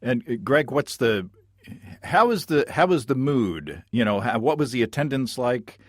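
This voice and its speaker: A man hosting a casual podcast interview, phrasing things in a halting, reworded way. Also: mid-range voice, animated, no room sound. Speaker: podcast host.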